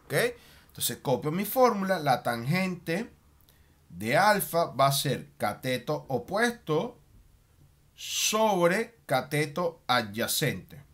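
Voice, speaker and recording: Man, math teacher, bright forceful voice, lively pitch, stretches out key terms. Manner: animated, checks in often with a rising "ok?"; slows down and stretches key terms while writing. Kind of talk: whiteboard math lesson.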